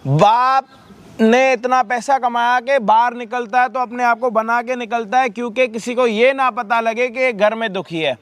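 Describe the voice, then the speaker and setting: A man with a high voice hosts a staged prank video. He scolds loudly, repeats words over and over and swears freely, treating it as a confrontation. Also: fairly even intonation, moderate pace, dry recording.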